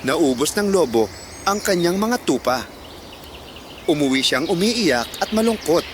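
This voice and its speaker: A storyteller giving expressive scripted narration of children's moral stories. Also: mid-range voice, unhurried, background noise. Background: background music.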